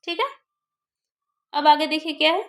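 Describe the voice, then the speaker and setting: A woman's voice: sits high, moderate pace, fairly bright tone. A woman teaching a grammar lesson for exam preparation, who asks questions and answers them herself.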